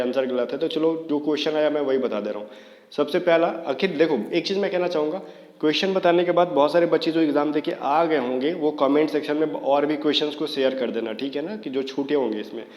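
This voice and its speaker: A man talks straight to his viewers in a casual video lesson, his voice sitting a little high for a man. The room is echoey, and each phrase trails off into a long reverb. He keeps dropping in filler checks as he goes. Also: a little mellow. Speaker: online exam coaching teacher.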